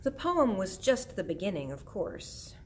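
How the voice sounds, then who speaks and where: Female storybook narrator, gentle read-aloud, faint background hiss. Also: mid-range voice, big pitch swings, a little slow. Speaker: audiobook reader.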